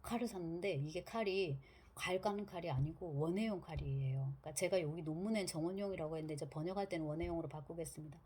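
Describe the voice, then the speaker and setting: A woman's voice: lowish voice, fast, slightly rough. A woman lecturing on literature in a casual, chatty way. She tells the story with energy and acts out the characters' lines. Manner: lively storytelling, acting out quotes.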